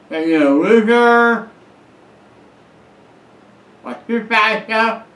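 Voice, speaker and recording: In an echoey small room at home, a middle-aged man sits by a bookshelf in a leather armchair and gives earnest, repetitive advice straight to camera. His voice is high and fairly bright, and he refers to himself by a nickname in this advice vlog.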